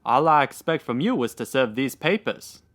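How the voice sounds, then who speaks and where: A man's voice: mid-range voice, animated, normal speed, a bit bright, close to an everyday voice. Man playing a curt, greedy western villain. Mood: cold, irritated. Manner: curt, stern, unyielding. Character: greedy, hard-hearted Old West land grabber villain. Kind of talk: old-time radio western acting.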